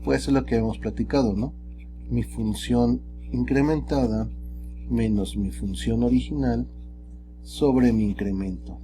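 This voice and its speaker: A man teaching calculus in a relaxed, chatty way, often tagging his sentences with rhetorical questions. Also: medium pitch, a little slow, over music. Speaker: math teacher. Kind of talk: recorded screen lesson.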